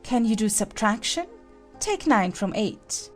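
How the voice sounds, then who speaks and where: A woman's voice: fairly high pitch, big pitch swings, measured pace, faint music behind. A woman playing a stern, bossy, haughty queen who lectures sharply in a storybook drama. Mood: imperious.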